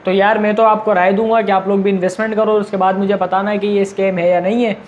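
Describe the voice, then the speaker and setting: A man's voice: high-pitched, level tone, quick pace, highs cut off, a little hiss or hum. A man with a Pakistani Urdu accent arguing a point in a casual video monologue, asking questions and answering them himself. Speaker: video commentator. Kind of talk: argumentative monologue.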